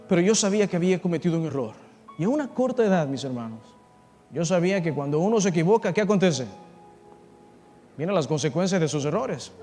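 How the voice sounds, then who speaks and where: A man's voice: high-pitched, darkish tone. A male pastor preaching an impassioned sermon to students, telling a story and speaking directly to his listeners. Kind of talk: evangelistic sermon, personal story. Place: large assembly hall before students. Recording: reverberant hall with faint music.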